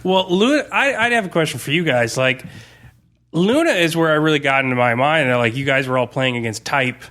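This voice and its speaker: Speaking a little quickly in a slightly high, expressive voice with a fairly bright tone, this man is the game master. He chats casually on a post-mortem podcast, revisiting a tabletop campaign.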